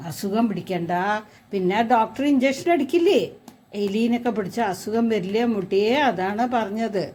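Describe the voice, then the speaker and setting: A woman coaxing and gently scolding her pet in an affectionate, sing-song voice. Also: on the high side, a little hiss or hum, low-quality recording. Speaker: pet owner filming her pet. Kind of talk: cooing talk to a pet.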